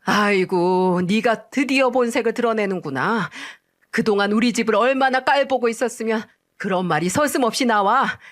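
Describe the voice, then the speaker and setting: A woman's voice: fairly high pitch, normal speed, lightly acted. A woman voicing a greedy older mother-in-law who nags and scolds in a raised, scornful voice. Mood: shrill scolding. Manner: nagging, scornful.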